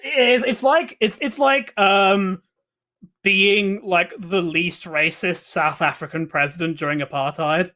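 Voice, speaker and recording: Halting, bright-voiced woman cohost. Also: on the low side. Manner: halting, restarts often, quick asides. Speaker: podcast co-host. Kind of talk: casual comedic chat.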